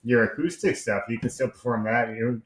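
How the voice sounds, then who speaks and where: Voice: medium pitch, brisk, crowd noise. A co-host in a casual chat, easygoing and supportive, chiming in often. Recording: roomy echo.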